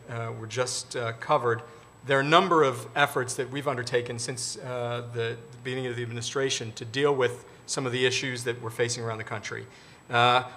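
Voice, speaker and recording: A male government official speaks on a discussion panel. His voice is bright and forward, and he talks in a measured, formal way about policy. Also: mid-range voice.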